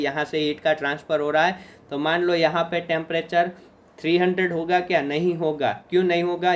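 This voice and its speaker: A man's voice: a little high, slight background noise. A man giving an exam-prep lecture with an Indian accent, mixing Hindi and English and answering his own questions.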